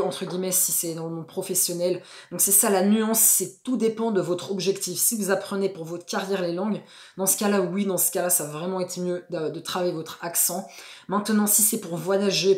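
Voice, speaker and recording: Woman, casual language-learning host, chatty, slangy, lowish voice, echoey room. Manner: lively, chatty, uses slang fillers. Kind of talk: casual explanatory chat.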